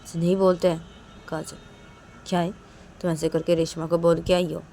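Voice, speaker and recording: A woman's voice: lowish voice, flat delivery, moderate pace, warm tone, a little hiss or hum, natural voice. A woman voicing a worried mother who fusses and keeps repeating her questions. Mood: scolding.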